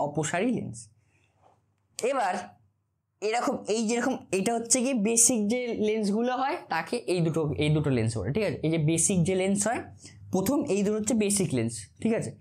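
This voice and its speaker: A man's voice: high-pitched, darkish tone. A male physics tutor giving an informal classroom lecture. He asks the same question again and again, answers it himself, and stumbles over technical terms.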